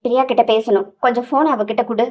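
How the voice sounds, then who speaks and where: A woman's voice: fairly high pitch, fairly even intonation, fast, a little mellow, lightly acted. Give me a woman playing a stern young man scolding bluntly. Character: angry young man, protective friend.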